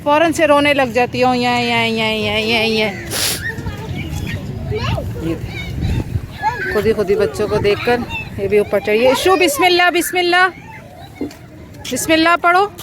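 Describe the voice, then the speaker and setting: High-voiced Pakistani mother in a noisy park. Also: steady tone, unhurried, long pauses. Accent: Pakistani Urdu. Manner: coaxing and scolding her children while narrating. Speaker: mother vlogger. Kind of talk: casual vlog narration to camera. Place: outdoor city park. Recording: noisy outdoor park recording.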